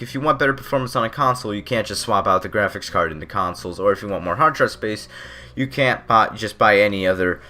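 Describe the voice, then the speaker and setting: A man's voice: on the low side, pushed and bright. A man giving casual, rambling, unscripted gaming commentary, stumbling over words a little, his lip still numb from dental Novocaine. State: lip numb from dentist's Novocaine, speech slightly off. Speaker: gaming video creator giving opinions.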